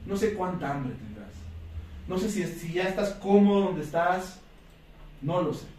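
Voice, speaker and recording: A man's voice: high voice, animated, unhurried, darkish tone, slight background noise. A man giving a motivational talk to a sales team, telling stories and acting out quoted voices. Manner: storytelling, acts out quoted voices. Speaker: motivational speaker for a sales business. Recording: echoey room, distant mic.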